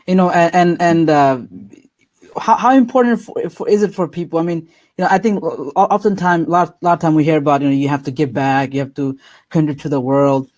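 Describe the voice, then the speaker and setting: A male interview host with a somewhat raised voice, recorded close and dry with no room sound. He talks haltingly, doubling words and restarting as he feels his way toward each question. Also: fairly high pitch, darkish tone, dry recording. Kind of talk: interview conversation.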